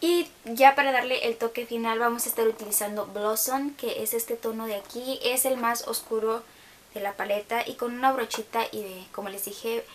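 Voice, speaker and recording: A young woman talks through a casual makeup tutorial from her bedroom. Her voice sits a little high, and she fills pauses with hesitant ums. A faint hiss runs under the recording. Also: fairly even intonation. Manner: chatty, with hesitant fillers.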